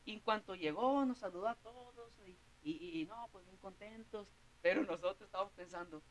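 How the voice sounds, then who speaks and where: High-voiced Mexican preacher, earnest. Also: male voice, brisk, a little hiss or hum, low-quality recording. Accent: Mexican Spanish. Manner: earnest, repeats words, keeps addressing listeners as brother. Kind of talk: sermon with personal testimony.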